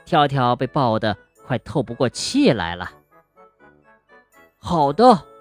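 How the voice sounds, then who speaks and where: A woman narrating a children's bedtime story gently and expressively, speaking to a young listener. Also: extremely low pitch, very animated, moderate pace, faint music behind.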